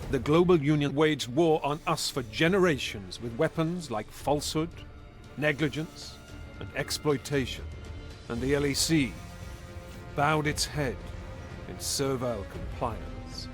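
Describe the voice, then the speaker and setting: An actor playing a defiant male rebel leader giving a solemn, measured proclamation in a game cutscene. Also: a little high, close to an everyday voice. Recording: game cutscene over music.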